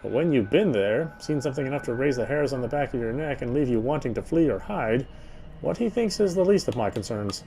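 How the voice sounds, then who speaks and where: A game streamer reads a visual novel aloud, adding side comments and occasionally stumbling over a line and repeating words. His mid-range voice is animated, fairly quick and gravelly, with a dark tone. There is slight background noise.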